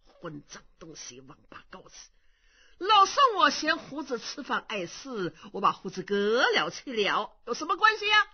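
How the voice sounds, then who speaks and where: A woman storyteller voicing a scheming old man who poses as a monk elder, blustering and swearing in a deep growl. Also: huge pitch swings, moderate pace, slightly rough, exaggerated voice. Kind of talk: traditional Chinese storytelling. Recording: dull lo-fi recording.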